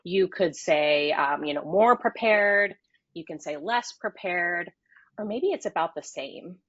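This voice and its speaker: A woman's voice: fairly low pitch, lively intonation, a little slow, fairly bright tone, dry recording. A woman moderating a business webinar, introducing speakers and running polls in an upbeat, scripted way. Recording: slightly dull, dry audio.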